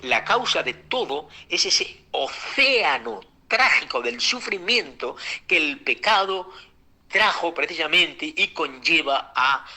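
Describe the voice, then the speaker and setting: Bright-voiced fervent male preacher. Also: fairly high pitch, animated, slow pace. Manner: fervent preaching with frequent fillers, repetitions and whispered asides; addresses listeners as brothers. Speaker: pastor. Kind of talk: Bible-school sermon.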